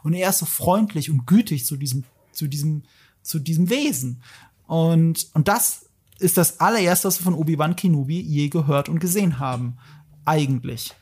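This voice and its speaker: A man hosting a podcast and chatting casually, animated and opinionated, with emphatic asides. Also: on the high side, moderate pace, slightly rough. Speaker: podcast host. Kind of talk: casual discussion.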